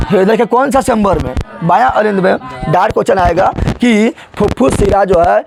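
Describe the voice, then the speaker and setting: A man with a high voice and a gravelly edge teaches biology, quizzing his class again and again and giving the answers himself. His speech is loose and colloquial, and faint noise sits under the recording. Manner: drills students with repeated questions and answers; colloquial, regional turns of speech.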